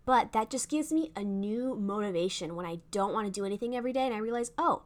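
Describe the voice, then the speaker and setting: A young woman hosting a faith podcast, talking in a fast, excited, gushing way. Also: medium pitch. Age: young adult. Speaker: podcast host. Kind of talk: casual faith podcast monologue.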